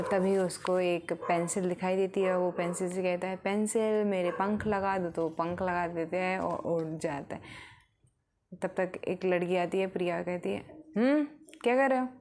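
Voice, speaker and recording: A woman narrating a story in a relaxed, unscripted way, pausing on fillers as she goes. Her voice sits a little low. A faint hiss runs under the recording.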